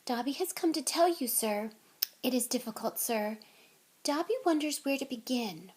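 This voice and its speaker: A woman voicing a timid, devoted male house elf who is high-pitched, earnest and servile, and who speaks of himself in the third person. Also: expressive, normal speed, darkish tone.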